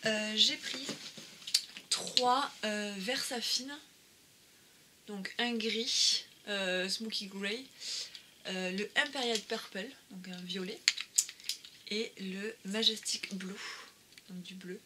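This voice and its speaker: A woman's voice: medium pitch, fairly even intonation, slow pace, long pauses, noisy background. A woman talking casually through a craft-supply haul, with many fillers and restarts. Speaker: craft vlogger.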